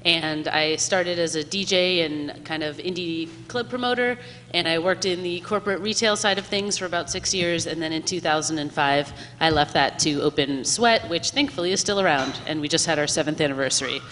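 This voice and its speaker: Lady in her 30s moderating a museum panel, chatty, low-ish, echoey hall. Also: fairly quick, a bit bright. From Miami. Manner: friendly, chatty, explanatory. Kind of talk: live panel talk. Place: museum event hall before an audience. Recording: live hall reverb, faint room noise.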